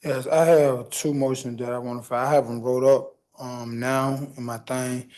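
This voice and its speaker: A man's voice: medium pitch, little pitch movement, normal speed, a little mellow. A man speaking as a self-represented defendant, in an insistent, formulaic way with non-standard grammar. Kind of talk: recited legal statement and courtroom replies. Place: courtroom.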